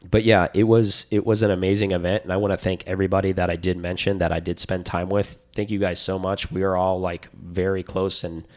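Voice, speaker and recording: Man, very deep voice, podcast co-host, enthusiastic rambling chat. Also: brisk, few pauses. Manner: enthusiastic, rambling, animated storytelling. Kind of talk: casual chat.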